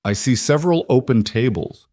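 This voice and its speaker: A man's voice: medium pitch, lively intonation, moderate pace, dark tone, no room sound, clean studio sound, pitched above the performer's own voice, natural voice. A man voicing a struggling single father who speaks in a strained, pleading way.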